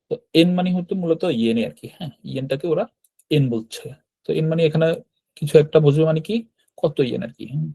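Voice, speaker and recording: Male language teacher, fast delivery, mellow dark tone, repetitive explanatory style. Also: on the high side, vocal fry. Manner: explanatory, repeats words, frequent fillers and "right?" checks. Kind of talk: online class lesson explaining vocabulary.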